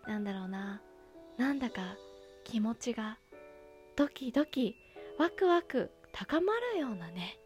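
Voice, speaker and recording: Soft-spoken, high-voiced woman hosting with lilting intonation. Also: expressive, a little slow, pauses often. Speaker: host of an aroma talk show. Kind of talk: soft-spoken scripted-style monologue on aromatherapy. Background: music.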